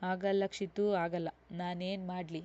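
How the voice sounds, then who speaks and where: A young bride pleading through tears in a storybook reading, as a woman narrator puts her on. The voice sits low and mellow. The recording is dull and lo-fi. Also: flat delivery, measured pace, lightly acted. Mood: tearful pleading.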